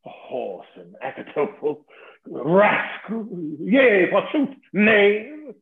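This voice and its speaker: A man's voice: high voice, sing-song, slow pace, creaky, full character voice. A man playing Falstaff, blustering old knight. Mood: indignant. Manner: blustering, mocking, savoring insults. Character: old boastful fat knight, witty and scornful. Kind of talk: theatrical verse-play reading. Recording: tinny phone-like sound in an echoey room.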